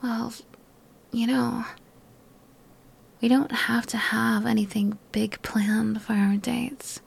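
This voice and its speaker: In a whispered ASMR girlfriend roleplay, a young woman speaks slowly and softly, full of affection yet sick and worn out. Her breathy, slightly high voice has a gravelly edge, and the delivery is flat.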